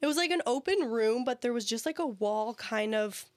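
A woman's voice: a little high, expressive, moderate pace, no room sound. A young woman telling work stories in casual chat on a podcast, full of "like" and restarts. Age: young adult. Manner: chatty storyteller, lots of "like" and restarts. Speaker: podcast co-host.

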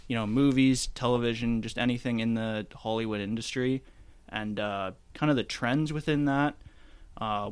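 A man's voice: medium pitch, clean tone. A man co-hosting a casual film podcast in an attic, hesitant and thinking aloud as he goes. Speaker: podcast co-host. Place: indoors in a chilly attic.

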